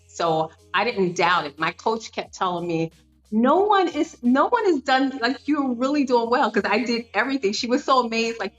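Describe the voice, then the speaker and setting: Speaking in a medium-pitched voice with the highs cut off, a podcast guest in her 50s earnestly shares her story in a conversational interview. She often uses fillers and restarts her sentences.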